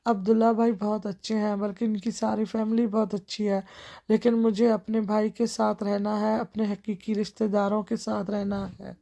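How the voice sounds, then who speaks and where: A woman's voice: mid-range voice, flat delivery, creaky, lightly acted. Woman reading as a frail, wistful young woman. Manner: soft, wistful. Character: gentle frail young woman longing for her brother.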